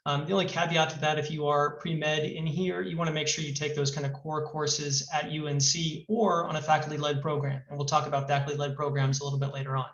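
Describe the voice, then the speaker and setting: A man advising on study abroad runs through a filler-heavy webinar at a quick clip, barely pausing, his fairly high, fairly bright voice hardly moving in pitch. The recording is echoey, muffled and distant, made in a new room with a hard echo, so he sounds boxy and hollow, as if in a fishbowl.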